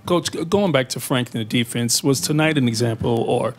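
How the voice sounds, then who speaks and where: Brisk male reporter asking questions. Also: mid-range voice, a little hiss or hum. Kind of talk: press conference question. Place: press room, off camera.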